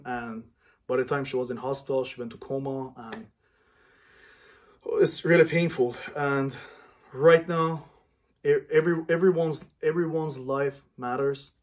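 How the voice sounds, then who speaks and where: In a small room at home, an Iranian vlogger in his thirties speaks earnestly to the camera in a steady, medium-pitched voice. He's halting, often pausing to search for words.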